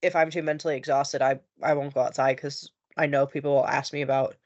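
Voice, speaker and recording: A woman's voice: rumbling low, little pitch movement, fast talker, darkish tone, lo-fi sound. A woman from the United States speaking openly and chattily in a group discussion, laughing easily. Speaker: discussion panelist.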